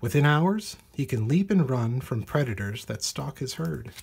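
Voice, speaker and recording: Reading a children's nature storybook aloud, this male storybook reader uses an expressive, darkish, medium-pitched voice with a distinctly breathy, husky grain. He shapes every sentence deliberately for a young audience.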